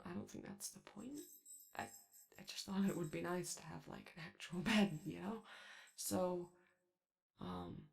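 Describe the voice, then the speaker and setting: A woman voicing an excitable, gentle animatronic sun attendant who rambles hesitantly and chattily in an ASMR comfort roleplay. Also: low voice, gravelly, exaggerated voice. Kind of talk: ASMR character roleplay, improvised-sounding comfort monologue.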